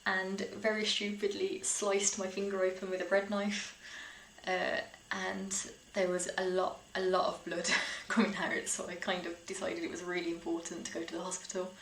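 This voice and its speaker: Her voice on the low side and her delivery completely flat, a young British woman speaks at normal speed as she recounts personal stories vlog-style. She's casual and chatty, with small laughs woven through. The recording has a roomy echo and faint background noise.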